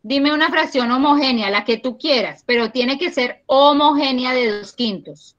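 A woman teaching a primary school math class over a video call, patient and encouraging, counting aloud slowly. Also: high voice, a bit bright, dull audio. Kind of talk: online class. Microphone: computer mic on a video call.

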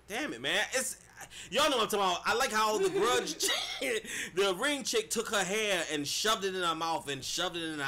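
A man giving a casual, animated movie review, swearing freely and talking straight to his viewers. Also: on the high side. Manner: animated, swears a lot, addresses viewers as y'all.

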